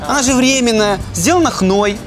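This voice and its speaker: A man's voice: very high voice, moderate pace, over music, crowd noise. A man playing a vain wife in a comedy sketch, coy and easily offended. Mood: huffy. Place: outdoor cafe terrace.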